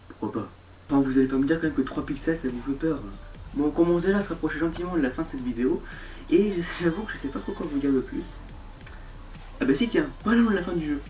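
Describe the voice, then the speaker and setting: With a sarcastic, mocking streak, a young man hosts a horror game review show in casual scripted video commentary. His voice leans high and a little mellow, captured from a distance with slight hiss or hum and background music.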